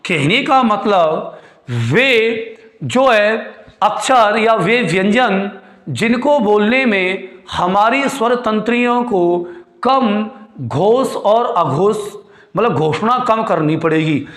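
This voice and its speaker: Lecturing on Hindi grammar in an echoey room, a male teacher speaks slowly in a high, somewhat bright voice with lively intonation. He repeats his points, quizzes the class, and affectionately calls his students his kids, "beti," and "chhote."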